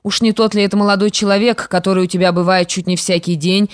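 A woman's voice: mid-range voice, steady tone, fast, dry recording, studio quality, close to an everyday voice. A woman voicing a scheming young widow, a stepmother who sounds falsely sweet and menacing. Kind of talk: audiobook character reading.

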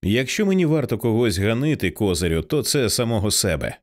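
A man voicing a stern commanding man who takes charge, speaking in calm, clipped orders. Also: on the low side, a little fast. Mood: grim commanding.

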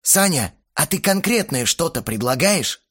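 A man voicing a quiet, cautious young male newcomer in a band who speaks carefully. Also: on the high side, very animated, normal speed, slightly rough, voice pushed up, full character voice.

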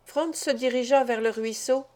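A woman's voice: on the high side, normal speed, darkish tone, lightly acted. A woman reading the part of a bold teenage boy recounting a hunt in an audiobook. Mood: proud. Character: bold teenage boy, eldest son, keen hunter.

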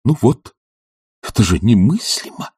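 A man's voice: medium pitch, lively intonation, fairly quick, mellow, slightly rough, no room sound, clean studio sound. A man voicing an earnest, devoted young doctor who pleads passionately and drops to urgent whispers.

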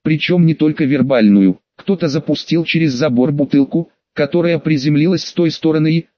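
A man reading an audiobook in a measured, even scripted narration. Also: a little high, no echo, lo-fi sound.

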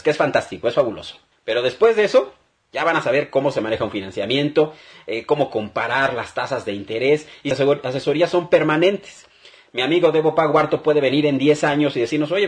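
A man with a Mexican Spanish accent hosting a call-in advice radio show, upbeat and encouraging, repeating phrases for emphasis. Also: medium pitch.

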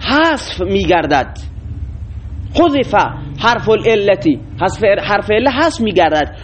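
A man's voice: high-pitched, animated, slight background noise. A man teaching a classroom lecture, explaining rules and quizzing his students with frequent questions.

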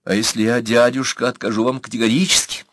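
A man voicing a young noblewoman who answers with sharp, indignant scorn. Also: medium pitch, steady tone, fast, noisy background, close to an everyday voice.

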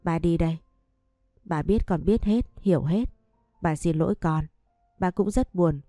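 A woman voicing a regretful young husband and father who gives gentle, pleading instructions to his family. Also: fairly low pitch, a little slow, dry recording, studio quality, faint music behind, close to an everyday voice. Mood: tearful.

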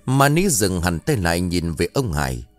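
A man narrating a scripted ghost story in an expressive storytelling way. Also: low-pitched, moderate pace, no room sound, soft background music. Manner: expressive storytelling, voices every character.

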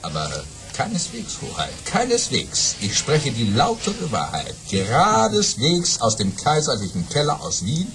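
An actor playing a boastful, excitable baron telling tall tales in a radio play, bombastic and repeating words for emphasis. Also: male voice, medium pitch, unhurried, hardly any pauses, background noise. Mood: confidently bragging.

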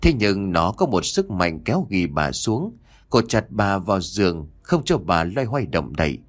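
A man narrating an audiobook horror story in a slow, dramatic storytelling manner. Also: low voice, sing-song.

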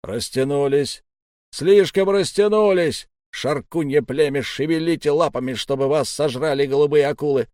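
A man voicing a bellowing old pirate commander who shouts orders and curses at his crew, read for an audiobook. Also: mid-range voice, fairly even intonation, measured pace, hardly any pauses, no echo, clean studio sound, lightly acted. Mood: raging.

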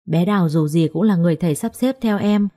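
A gentle young bride answers politely but firmly in a low, mellow voice, as a woman narrator reads her. She stays restrained even when she is provoked. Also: fast, natural voice.

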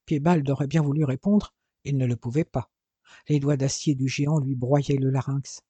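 A man reading an adventure novel aloud as an audiobook narrator, with a lively, dramatic delivery. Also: medium pitch, moderate pace, husky, no room sound.

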